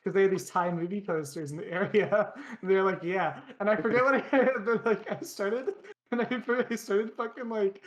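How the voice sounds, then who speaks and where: The speaker is a young man co-hosting a laid-back podcast, with a high-pitched voice at normal speed. He is an animated storyteller whose tales ramble along, full of restarts and filler words.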